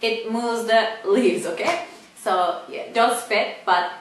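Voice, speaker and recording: A woman with a Turkish accent, a native Turkish speaker, teaching pronunciation slowly, repeating each word with many fillers. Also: on the high side, a little hiss or hum. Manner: slow, repeats words, frequent fillers. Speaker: language teacher. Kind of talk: casual pronunciation lesson. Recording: echoey room.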